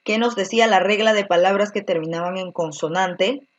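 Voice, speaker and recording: A woman's voice: mid-range voice, moderate pace, highs cut off. A woman teaching an online grammar class, explaining step by step and checking in with frequent tag questions. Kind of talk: virtual grammar lesson.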